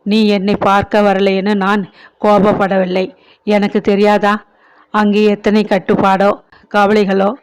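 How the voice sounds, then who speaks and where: A woman reading the part of an aging, sick mother who speaks gently and consolingly in a storybook. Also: medium pitch, completely flat delivery, a little slow, smooth, close to an everyday voice, low-quality recording. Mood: tender.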